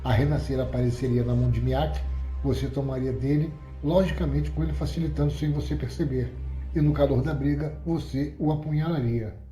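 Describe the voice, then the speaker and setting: Brief: coarse commanding tough guy read by a male narrator, dark mellow voice, roomy echo. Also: medium pitch, steady tone, brisk, faint music behind, lightly acted. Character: blunt domineering young man, tough enforcer. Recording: roomy echoey recording.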